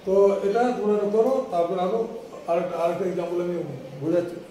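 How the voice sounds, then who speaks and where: A high-voiced man teaches a class at the board, taking it slowly and patiently and often checking that students follow. His voice is mellow, and it sounds distant in a very echoey room with a faint hiss behind it. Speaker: English teacher.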